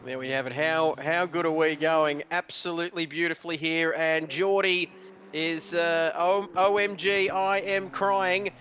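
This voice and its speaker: A man calls a live sim race with a high, bright, sharp voice that keeps surging with excitement. His play-by-play flows quickly and wears its emotion openly, with a faint hiss of background noise under the mic. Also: highs cut off. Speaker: race commentator. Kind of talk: live sim racing commentary.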